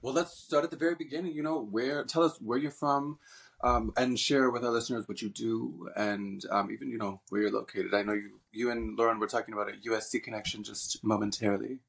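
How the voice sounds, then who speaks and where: Male podcast host, husky voice, effusive and filler-heavy. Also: medium pitch, fairly even intonation, a little fast, fairly bright tone. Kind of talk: podcast interview.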